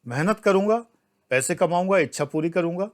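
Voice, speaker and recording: An older man from India teaching an online exam-prep class, lecturing emphatically and scolding, with loud outbursts and low asides. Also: expressive, a little fast. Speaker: civil services exam teacher.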